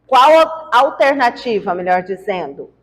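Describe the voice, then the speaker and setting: A woman's voice: on the high side, lively intonation, unhurried, big-room sound. A woman teaching biology, running a quiz with her class and coaxing answers out of the students in a playful way. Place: large classroom.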